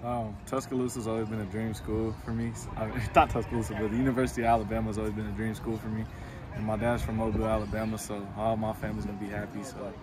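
A man's voice: fairly low pitch, level tone, fast. A young man giving casual answers as a football player in an outdoor sports interview. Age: young adult.

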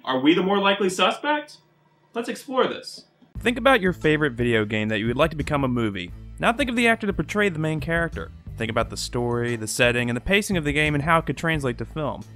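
A man in his thirties hosts a scripted video essay as a critic of video game movies, delivering his opinions sardonically and emphatically. His voice is a little high and a bit bright. He records indoors in a small furnished bedroom.

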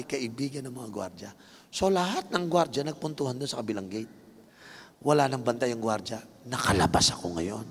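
A man with a Filipino accent preaching a sermon, telling a personal story with lively acted-out voices and switching between Tagalog and English. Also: medium pitch, slightly rough. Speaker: bishop preaching. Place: large indoor dome arena. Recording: long reverb of a big hall.

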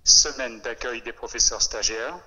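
Bright-voiced man over a speakerphone. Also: medium pitch, slight background noise. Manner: hesitant, with many filler pauses. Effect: heard over a phone on speakerphone. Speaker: education official addressing trainee teachers. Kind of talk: formal briefing. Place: relayed into a meeting room over a speakerphone. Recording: phone on speakerphone with long room reverb.

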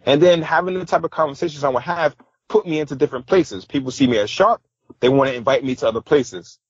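A man's voice: on the high side, fast talker, breathy edge, no echo, lo-fi sound. A man from New York City, a podcast guest, telling stories in a casual interview and acting out what others said. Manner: animated, acts out quotes of others. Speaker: podcast guest, style coach.

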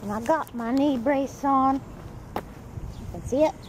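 A woman's voice: sits high, unhurried, a little mellow. A woman vlogging casually, talking to her pet in a sing-song voice and to her viewers in a chatty way. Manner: chatty, signs off with blessings. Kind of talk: casual home vlog. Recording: noisy phone recording.

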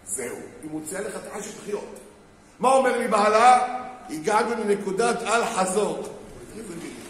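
A rabbi preaches on marriage to a gathered crowd in a high voice, telling stories and acting out the people in them. His voice rings through a very echoey hall with a long reverb tail. Faint noise sits underneath. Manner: storytelling, acts out quoted people, asks the crowd questions. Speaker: rabbi giving a lecture on marriage. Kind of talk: sermon to a live audience. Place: synagogue hall with an audience.

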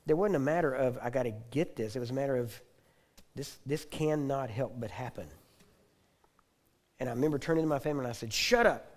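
A male preacher with a mellow, darker tone recounts a personal testimony in sermon style. His storytelling is intense, circling back on repeated phrases and building to loud declarations. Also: mid-range voice. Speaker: preacher teaching on healing. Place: teaching hall.

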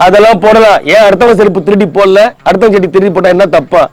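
A man's voice: sits high, fairly even intonation, fast. A man, sulking and complaining in a scripted comedy sketch as a husband. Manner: sulky, whiny complaining.

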